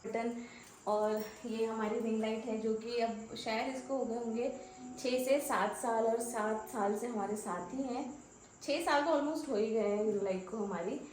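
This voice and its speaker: A woman's voice: a little high, fairly even intonation, unhurried, darkish tone, slight background noise, low-quality recording. Young woman vlogging at home. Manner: coaxing, tender, repeats questions. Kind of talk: casual family vlog.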